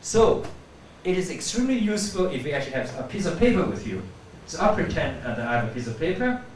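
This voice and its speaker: Male speech teacher, higher-pitched voice, drills words aloud, recorded off-mic in a roomy space. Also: sing-song. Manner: demonstrates sounds slowly, repeating words. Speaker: pronunciation teacher. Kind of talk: pronunciation lesson with demonstrations. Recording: echoey room, voice from a distance, faint background hum.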